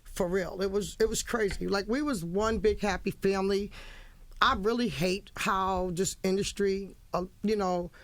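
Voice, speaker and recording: Blunt, animated middle-aged woman storyteller. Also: medium pitch, normal speed, dry recording. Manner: animated, blunt, laughs often, swears freely. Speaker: guest, music manager. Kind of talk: casual radio interview storytelling. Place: radio studio.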